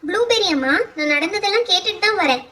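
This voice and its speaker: A woman's voice: extremely high pitch, animated, fast, sharp tone, recorded from a distance, exaggerated voice. A woman voicing a generous neighbour mother who insistently reassures and invites a friend to stay, in a doll show. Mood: reassuring. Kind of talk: doll pretend-play voice acting.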